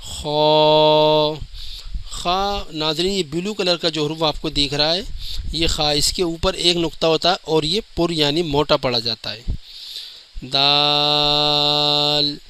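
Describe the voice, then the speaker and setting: A man with a bright, somewhat high voice leads a careful lesson, stretching out each letter sound so it can be copied. He talks straight to his viewers as a patient teacher would, and a faint hiss of room noise sits behind him. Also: low-quality recording. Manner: often addresses viewers directly. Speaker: Quran teacher. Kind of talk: step-by-step spoken lesson.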